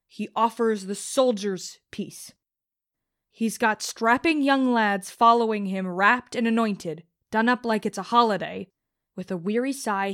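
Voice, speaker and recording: A woman narrating an audiobook in the first person as a vengeful young rebel, bitter and contemptuous. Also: mid-range voice.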